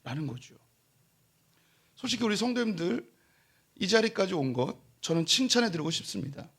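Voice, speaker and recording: A middle-aged male pastor delivers a sermon in a church sanctuary, his voice pitched somewhat high for a man. He slips into the voices of boasting church members, then climbs into emphatic, raised-voice preaching. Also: sing-song, moderate pace, a bit bright, husky.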